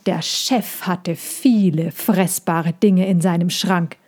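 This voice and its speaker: A woman narrating a children's storybook in a gentle, even way. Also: lowish voice, takes it slowly. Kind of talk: storybook reading.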